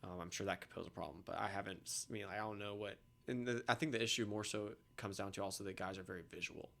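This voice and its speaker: Low gravelly man, opinionated. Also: fast talker. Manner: opinionated, trails off softly at ends of points. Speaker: podcast guest. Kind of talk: casual podcast conversation.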